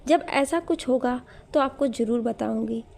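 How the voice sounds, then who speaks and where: A woman's voice: fairly high pitch, a little slow, gravelly, darkish tone, a little hiss or hum. A woman storyteller voicing an earnest, ambitious young daughter in a spoken storybook.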